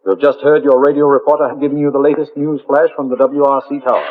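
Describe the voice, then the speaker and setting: A brisk AM radio announcer. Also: male voice, mid-range voice, level tone, slight background noise. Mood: announcing. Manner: crisp formal announcer delivery. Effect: heard over an AM radio set. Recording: tinny old film radio broadcast.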